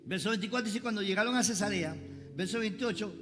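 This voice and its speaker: Man, pastor preaching a sermon, very high bright voice, jokes with the crowd, loud outbursts and quiet asides, long church-hall reverb. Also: fast talker, soft background music. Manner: jokes with the congregation; calls on the congregation to repeat phrases.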